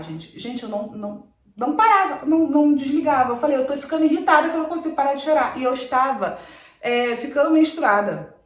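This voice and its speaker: A woman in her twenties chatting quickly to camera, telling a personal story with lively asides. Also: on the high side, echoey room. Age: 20s. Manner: chatty, fast, animated retelling with quoted asides. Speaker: vlogger.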